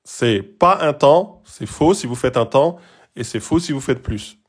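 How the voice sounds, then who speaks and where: Guy teaching arabic letters really slowly, patient, keeps repeating stuff and sounding it out. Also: medium pitch, lively intonation, husky. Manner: slow, patient, repeats rules and models sounds. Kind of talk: online lesson.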